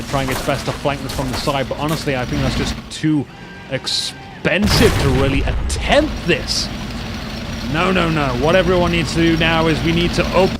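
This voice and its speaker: A man casually commentating a strategy war game, rambling with joking asides. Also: a little high. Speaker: gameplay commentator. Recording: loud game gunfire underneath. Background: gunfire and vehicle noise from the game.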